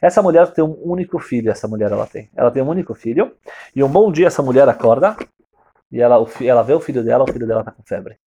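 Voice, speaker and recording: A man teaching a religious lesson as a story, animated and checking in with his listeners. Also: medium pitch, fast talker. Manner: animated, checks in with tag questions, swings loud and soft. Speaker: Torah teacher.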